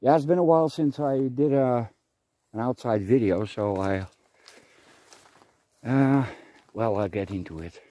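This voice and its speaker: A man's voice: medium pitch, measured pace, long pauses, dark tone. A man vlogging outdoors on a forest trail in light rain, chatting to himself and the camera in a rambling way. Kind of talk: casual outdoor vlog narration. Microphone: camera on a tripod.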